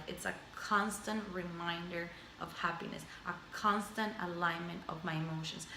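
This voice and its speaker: This vlogger, a native Spanish speaker in her thirties, reflects to her camera in a personal video journal recorded indoors at home on its built-in mic, rambling through lists and repeating herself. Her voice is fairly low with a sharp tone, and the rough recording is echoey with a little hiss or hum.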